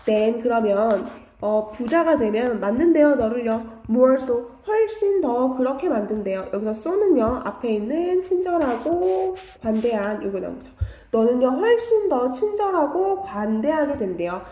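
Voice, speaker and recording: A woman teaching an English grammar lesson, explaining slowly and restating each phrase in simpler words. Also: a little high, sing-song, dark tone, reverberant. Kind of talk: online grammar lecture.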